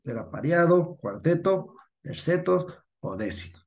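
A man's voice: fairly high pitch, animated, measured pace, vocal fry, a little mellow. A man with an Ecuadorian Spanish accent, teaching a class patiently, often correcting himself and checking that students follow. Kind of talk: online class lesson.

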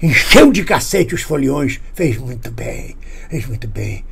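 This exaggerated performance has a husky-voiced man with a Brazilian Portuguese accent portraying a paranoid right-winger in a comedic satire. His panicked, indignant rant runs a little slow with big pitch swings, shifting from whispers to shrill outbursts over slight background noise.

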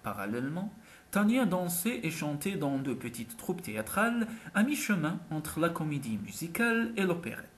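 A male audiobook narrator reading a novel aloud, with an expressive storytelling delivery. His voice sits a touch high for a man, and his pitch rises and falls in lively, animated sweeps. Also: normal speed. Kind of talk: scripted narration.

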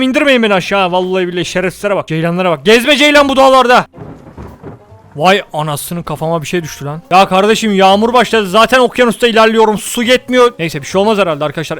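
A young man, loudly joking and swearing while narrating a game he plays. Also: high voice, smooth. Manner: rowdy, joking, slangy. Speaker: gaming YouTuber. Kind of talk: game commentary.

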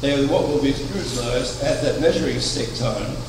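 An older preacher, founder of a religious order, gives a measured sermon full of anecdotes and rhetorical questions at a chapel's wooden pulpit. His voice sits in the mid range. Recorded by a far-off camera, the sound echoes through the chapel over a hum of air conditioning.

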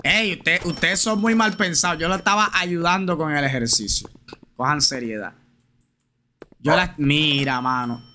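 A male live streamer talking loosely over gameplay, slangy and chatty, addressing his viewers directly. His voice sits a little high and rings bright and forward, with a faint hiss of noise under it. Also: measured pace. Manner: chatty, slangy, talks straight to viewers and reads chat aloud. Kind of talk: casual live gameplay chat.

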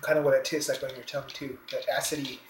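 Casual male food-challenge talker, thirties, mouth burning from hot peppers, medium pitch, roomy sound with faint noise. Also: little pitch movement, quick pace. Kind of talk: casual commentary during a challenge. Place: indoors at a kitchen dining table. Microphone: phone camera across the table. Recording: echoey room, faint background noise.

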